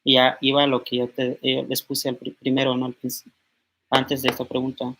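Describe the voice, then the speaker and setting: A young man in his twenties, from Mexico, giving an informal language lesson and slowly repeating words as he writes them out. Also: mid-range voice, completely flat delivery, a bit bright. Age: 20s. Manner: slow, repeats words aloud while writing on a board. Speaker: language teacher.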